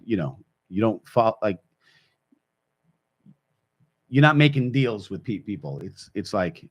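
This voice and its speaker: Husky fifties man, dry ribbing, chimes in often. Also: fairly low pitch, sing-song, normal speed. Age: 50s. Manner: dry ribbing, agreeable interjections. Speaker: podcast co-host. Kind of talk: casual chat.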